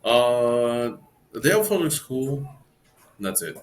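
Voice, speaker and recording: A man's voice: mid-range voice, sing-song, slow pace. A man co-hosting a casual podcast chat about video games, rambling and trailing off mid-thought. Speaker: podcast co-host.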